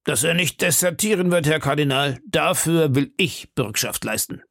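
Pitched above his own voice, this male narrator sounds a little high, expressive and fairly bright, at a moderate pace in echo-free studio quality. In the audiobook he plays a proud, defiant captain of musketeers, declaiming in a bold, insistent, raised manner.

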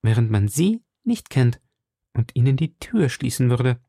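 A man's voice: mid-range voice, big pitch swings, a little slow, mellow, breathy edge, dry recording, studio quality, full character voice. A man voicing a frightened young woman in hiding, pleading urgently with her rescuer in a raised voice. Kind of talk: audiobook character voice.

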